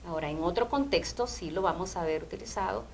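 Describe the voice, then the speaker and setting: A woman language teacher, explaining grammar rules in a measured way on a TV program. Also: lowish voice, gravelly, slight background noise, rough recording. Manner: measured, explanatory, often asks "¿verdad?". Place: TV studio.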